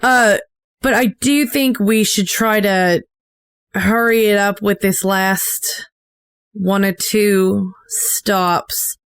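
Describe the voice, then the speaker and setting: A woman's voice: mid-range voice, fairly even intonation, extremely slow, clean tone, no echo, clean studio sound. A woman playing a tabletop game, thinking aloud in a hedging, casual way. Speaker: player.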